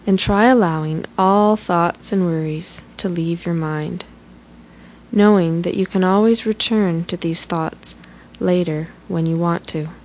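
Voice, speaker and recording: In a gentle, instructive guided relaxation, a woman speaks very slowly with a steady tone; her voice is a little low and a little mellow. Faint hiss sits under the low-quality audio.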